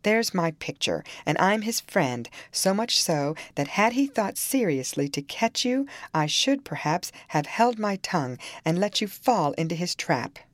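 Sharp-tongued young married lady voiced by a woman reader, emphatic and scornful, lively intonation, dry close sound. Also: lowish voice, unhurried, hardly any pauses, no echo, voice pushed up. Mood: emphatic warning. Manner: emphatic, scolding. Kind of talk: dramatised audiobook reading of a classic novel.

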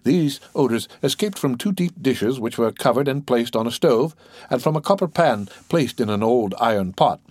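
A man reading a classic novel aloud as an audiobook narrator, in a steady, measured way, close to the mic. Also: medium pitch, no echo. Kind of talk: scripted narration.

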